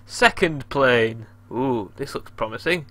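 A young English man commentating on his own gameplay, shouty and exasperated as he keeps failing. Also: medium pitch, animated, takes it slowly. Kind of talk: casual game commentary.

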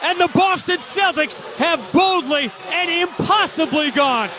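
An American man calls a game live on the radio in an excited, very high-pitched shout. His phrasing is dramatic and emphatic, in the style of a ballgame announcer. Loud arena noise sits behind his voice. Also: a little slow. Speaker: play-by-play radio sports announcer. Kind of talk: excited live basketball radio commentary, in the manner of a radio baseball announcer. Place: live broadcast position in a packed indoor arena.

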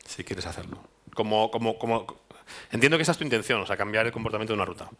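A man's voice: on the low side, animated, rapid-fire, a bit bright. A man in his thirties from Spain with a Spanish accent, giving a technical meetup talk in a hall, thinking aloud with restarts and tag questions. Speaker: meetup speaker. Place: dark presentation hall with audience.

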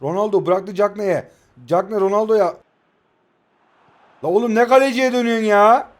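Young man, 20s, high-pitched, excitable live gameplay commentary, shouts player names, playful swearing. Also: normal speed. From Turkey. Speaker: mobile football gaming YouTuber.

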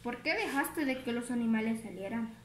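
A woman's voice: on the high side, expressive, normal speed, distant mic, a little hiss or hum, natural voice. A woman voicing a stern middle-aged farmer father who scolds his daughter, in a told children's story. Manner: scolding, firm. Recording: roomy home recording.

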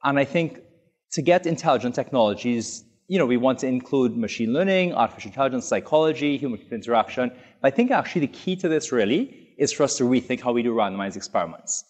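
A man's voice: mid-range voice, animated, fast talker. A man in his thirties from Trinidad and Tobago, giving an academic talk in a lecture room, enthusiastic with frequent ums and likes. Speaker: academic speaker.

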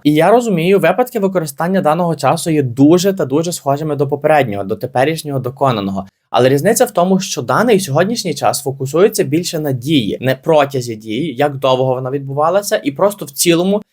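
A man's voice: mid-range voice, animated, fast talker, hardly any pauses, darkish tone. A young man teaching English grammar in a video lesson, explaining patiently and repeating key points to reassure beginners.

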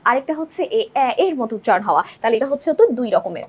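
A woman's voice: on the high side, big pitch swings, rapid-fire, husky. A young woman teacher explaining exam multiple-choice answers step by step, often checking in with her students. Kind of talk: exam-prep lesson walking through multiple-choice answers.

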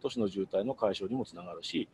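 A man's voice: low-pitched, fast talker, dark tone, a little hiss or hum. A middle-aged man giving a webinar presentation as a guest speaker, walking through slides in an explanatory way with frequent hesitation fillers.

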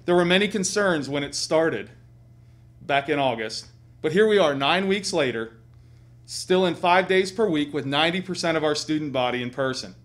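Higher-pitched middle-aged man, formal school address. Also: lively intonation, normal speed, fairly bright tone. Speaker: school administrator. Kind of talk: formal prepared announcement to students. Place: small school TV studio, seated at a desk.

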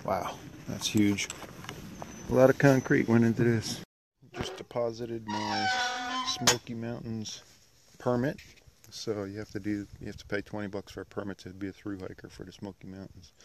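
Out on a wooded trail and dam, a middle-aged man narrates his hiking vlog in a relaxed way into a handheld phone held at arm's length. His voice is on the low side, steady and at normal speed, with clear outdoor background noise around him.

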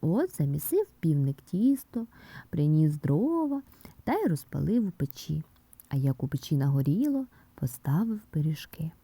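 Expressive female fairy-tale storyteller. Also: deep voice, normal speed, husky, no room sound. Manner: expressive, softening to a whisper in places. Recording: dry close mic with soft background music.

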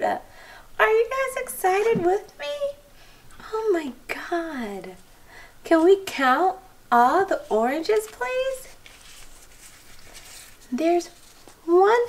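A woman voicing an excitable little girl doll on her first shopping trip with her mom. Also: extremely high pitch, exaggerated voice. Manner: gushing, breathless with excitement. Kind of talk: toy doll play video.

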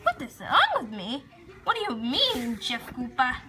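A woman's voice: high-pitched, wildly swooping pitch, measured pace, pushed and bright, a little hiss or hum, voice pushed down, exaggerated voice. A woman voicing a whiny, lazy, TV-loving grown man who protests with shrieking wails, in a homemade toy video. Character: whiny lazy TV-loving adult male plumber.

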